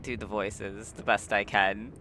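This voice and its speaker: A man with a squeaky voice giving casual, self-deprecating commentary while streaming a game. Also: little pitch movement, measured pace, bright, forceful tone, slight background noise. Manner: self-deprecating, hesitant with fillers.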